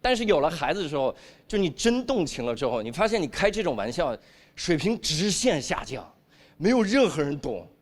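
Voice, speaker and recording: A man performing a stand-up comedy routine on stage, animated and acting out the voices he quotes. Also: a little high, a little fast. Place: comedy stage before a live audience.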